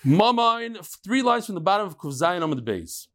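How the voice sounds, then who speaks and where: A man's voice: high-pitched, sing-song, normal speed, fairly bright tone. A mature man, a rabbi teaching a Talmud class in an informal, conversational way, posing questions and answering them himself. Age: middle-aged or older. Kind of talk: informal lecture with chatty asides.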